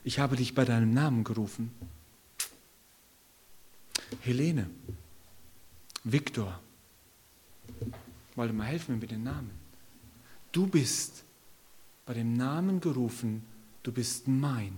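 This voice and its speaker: A man preaching a sermon in a church service, impassioned and rising to loud pleading calls. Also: mid-range voice, unhurried, long pauses.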